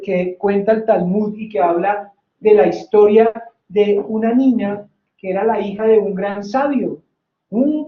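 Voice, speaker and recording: A Bible-study teacher leading a faith study, telling stories and often checking in with the class. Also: medium pitch. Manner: lively, asks "¿sí?" to check the class, tells stories. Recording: roomy, slightly dull recording.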